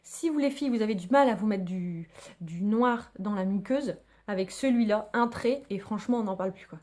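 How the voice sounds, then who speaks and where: A woman's voice: mid-range voice, fairly quick, a little mellow. A woman chatting enthusiastically to her viewers as she reviews her favorite makeup. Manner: chatty, enthusiastic, slangy, addresses viewers as girls. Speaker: beauty vlogger. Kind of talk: casual product review.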